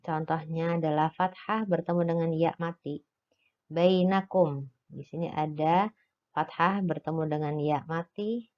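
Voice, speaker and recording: A woman teaching a recorded lesson, explaining slowly step by step and pausing on "eh" fillers. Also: fairly low pitch. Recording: dull lo-fi recording.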